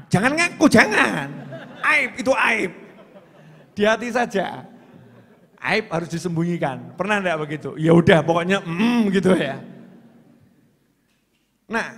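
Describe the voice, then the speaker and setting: A man with a Javanese accent preaching, who swings from loud raised calls to low muttered asides. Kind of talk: sermon. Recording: long hall reverb.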